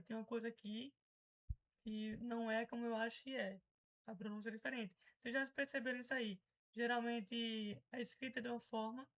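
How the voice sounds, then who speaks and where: A woman's voice: on the high side, rough recording. A Brazilian woman teaching English pronunciation in a casual, chatty way, patiently explaining and repeating example words.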